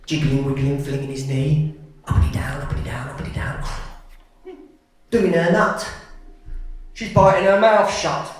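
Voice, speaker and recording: A man performing his poems live, reciting in a rhythmic, measured way with offhand asides between pieces. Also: a little high, steady tone, soft background music. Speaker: spoken word poet. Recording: echoey venue, mic from far off.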